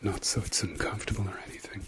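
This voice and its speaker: Middle-aged male for whispered role-play: fast whispering ASMR, low breathy voice, close-miked, repetitive soft instructions. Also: flat delivery. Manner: repeats soft words in quick runs. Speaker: ASMR host.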